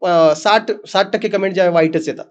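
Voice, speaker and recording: A man's voice: sits high, brisk, highs cut off. A man, a family vlogger, telling his story earnestly in a casual interview.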